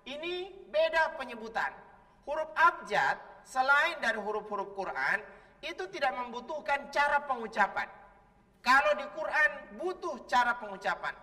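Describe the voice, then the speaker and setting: A man's voice: extremely high pitch, very animated, moderate pace, sharp tone, long reverb tail, far from the mic. A man hosting a children's Quran lesson on television, teacherly and prompting the kids to answer back as he draws out each letter sound. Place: television studio.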